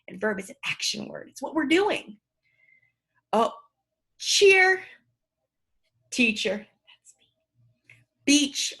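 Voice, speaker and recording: Woman teacher, lesson video, playful and encouraging, animated pitch, breathy husky tone. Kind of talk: home-learning lesson video.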